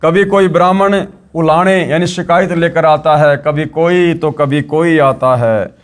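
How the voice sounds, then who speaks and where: A distressed mother defends her child, pleading and protective, as a man narrating puts her on. The voice is slightly high and close to the storyteller's own. It is part of a devotional story told aloud. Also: steady tone, measured pace, lightly acted.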